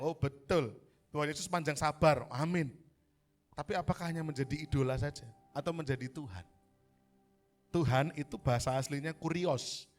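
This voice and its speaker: A man with a Javanese accent preaching a sermon at a church service, telling stories with animated delivery and acting out voices. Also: high voice. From Central Java, Indonesia. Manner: animated storytelling, acts out voices, mixes in Javanese. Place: church service in a hotel hall.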